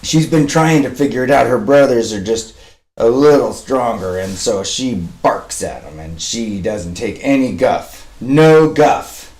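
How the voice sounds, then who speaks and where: A man's voice: mid-range voice, expressive, measured pace, a little mellow, reverberant. A man talking casually on a live stream, cooing over a puppy and rambling with fillers, a bit sniffly. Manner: coos and baby-talks to a puppy. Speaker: dog rescuer live-streaming.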